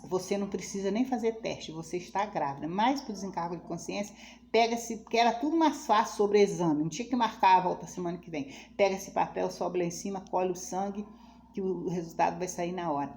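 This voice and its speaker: A woman's voice: medium pitch, a little mellow, slight background noise. Woman telling a painful life story. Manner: emotional, quotes others' speech, pleading religious tone. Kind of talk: personal life story, testimony.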